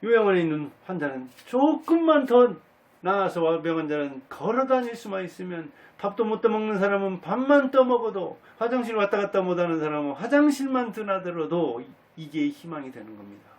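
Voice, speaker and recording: A man gives a monologue lecture, his pitch rising and falling with lively swings. He presses his points with rhetorical questions and emphatic repetition. His voice sounds slightly distant from the microphone. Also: fairly quick. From Jinan, Jeolla, South Korea. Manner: emphatic, asks rhetorical questions and repeats key words. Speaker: channel host giving a life talk. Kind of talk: monologue lecture on happiness in old age.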